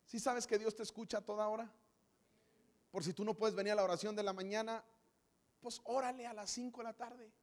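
A man's voice: sits high, steady tone, fairly quick, long pauses. A man with a Mexican Spanish accent preaching a comedic sermon, animatedly acting out the story. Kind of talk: comedic sermon with acted scenes. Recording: long hall reverb.

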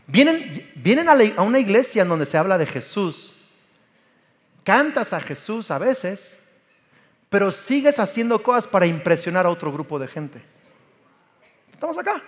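A man, preaching a sermon with passion and acting out stories, his voice climbing to shouts. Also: high-pitched, big-room sound. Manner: passionate, acts out Bible scenes and family anecdotes, rising to shouts. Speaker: pastor. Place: church hall.

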